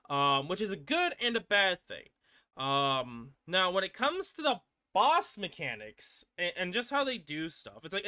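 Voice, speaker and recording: A man's voice: sits high, sharp tone, dry recording, clean studio sound. A man hosting a gaming channel, giving casual rambling commentary with frequent restarts and casual swearing.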